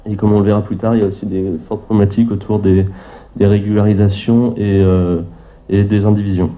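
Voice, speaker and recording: Speaking for a public agency, a man gives a formal conference talk with slides, halting often and repeating words. His voice sits fairly low and comes across flat and mellow, and the recording sounds lo-fi.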